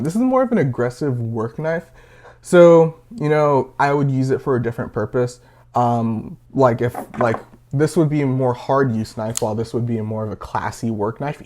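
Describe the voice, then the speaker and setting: A man's voice: medium pitch, a little mellow. A nineteen-year-old man casually reviewing a pocket knife, rambling with lots of fillers and a little out of breath. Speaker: gear reviewer.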